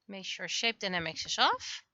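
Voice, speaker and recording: A webcomic artist livestreams while drawing, casually thinking aloud and muttering to herself as she works. Her medium-pitched voice is sing-song and sharp in tone at a normal speed, on a dry, lo-fi recording.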